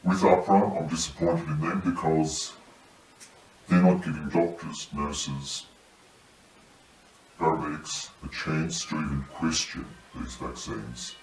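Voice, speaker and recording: A man giving serious testimony as a paramedic whistleblower in measured, halting phrases, his voice electronically disguised to sound deep. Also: steady tone, a little mellow. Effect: disguised deep voice, electronically lowered. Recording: roomy echo, distant mic, faint noise.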